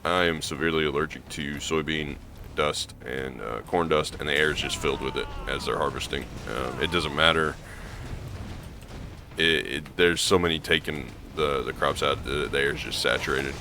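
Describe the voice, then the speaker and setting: Background noise fills this rambling gameplay commentary from a gaming channel host whose allergies have left his low voice hoarse and gravelly. He keeps a steady tone at a moderate pace, meandering casually with plenty of ums and false starts.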